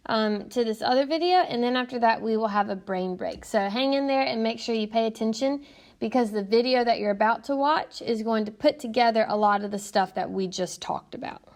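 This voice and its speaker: A woman teacher narrating a recorded lesson in a patient, explanatory way, often pausing with "um". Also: fairly high pitch. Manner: patient, explanatory, frequent "um" fillers. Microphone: tablet screencast mic.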